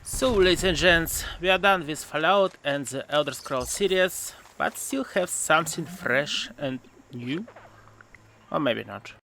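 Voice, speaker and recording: A man's voice: a little high, a little slow, background noise. A man narrating a game video essay with sarcastic, mocking humor and jokey asides. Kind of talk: sarcastic voice-over commentary.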